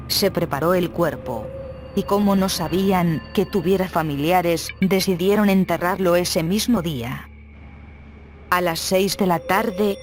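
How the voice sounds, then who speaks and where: Synthetic voice reading horror stories. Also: mid-range voice. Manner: even, steady synthetic reading. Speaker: narrator. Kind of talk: scripted horror story narration.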